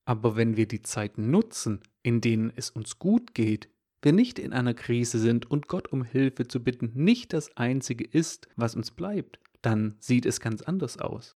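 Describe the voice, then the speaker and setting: Male devotional speaker, calm scripted storytelling delivery, mid-range voice. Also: medium pitch, a little slow.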